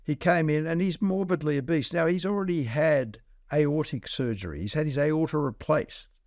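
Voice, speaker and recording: Blunt doctor, dry studio sound. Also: male voice, a little high, moderate pace, darkish tone, dry recording. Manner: blunt, explains in plain numbers. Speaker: doctor co-host. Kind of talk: casual health podcast chat.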